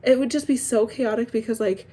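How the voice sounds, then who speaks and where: Her voice runs on the high side, warm and steady, a bit fast. She's a young, heavily pregnant vlogger chatting casually to camera, rambling with frequent "like" fillers and little laughs between phrases.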